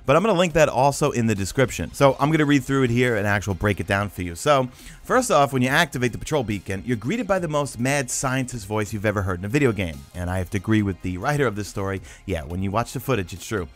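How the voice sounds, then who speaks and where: A man's voice: medium pitch, expressive, quick pace. A man giving casual, emphatic commentary as a gaming news host, reading out articles and breaking them down conversationally. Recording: voice-over with background music. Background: background music.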